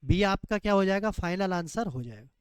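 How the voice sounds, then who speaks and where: High-voiced man teaching maths. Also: animated, fairly quick, clear, resonant tone, no room sound. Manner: repeats questions back to students, drills steps. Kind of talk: classroom maths lesson.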